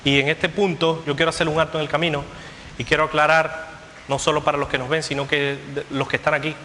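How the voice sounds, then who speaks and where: A man preaching a sermon with a bright, forceful voice, a little higher than most men. He hammers his points through repetition in a steady preaching cadence. The recording carries a long church hall echo over faint room noise. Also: fast talker. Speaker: pastor.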